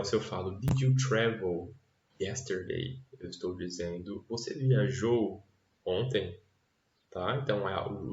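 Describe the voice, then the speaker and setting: A man with a lowish voice teaches an English grammar lesson, drawing out each example sentence before he translates it. The sound is dull and lo-fi, with a noticeable echo from the room. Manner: slow, drawn-out English examples with Portuguese translations.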